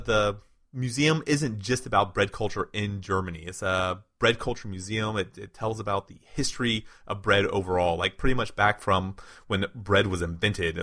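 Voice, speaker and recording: Lower-voiced laughing male co-host. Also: fairly bright tone. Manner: enthusiastic, laughs often, restarts. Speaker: co-host, segment presenter. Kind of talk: casual podcast chat.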